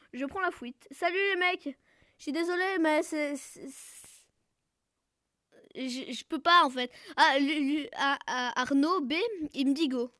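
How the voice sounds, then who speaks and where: A high-pitched woman with a bright, sharp voice talks through a game, excitable and self-mocking, often breaking into shouts. The sound is close and dry, with no room around it. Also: no echo. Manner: excitable, bursts into loud shouts and cries. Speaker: gaming video creator. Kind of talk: casual gameplay commentary.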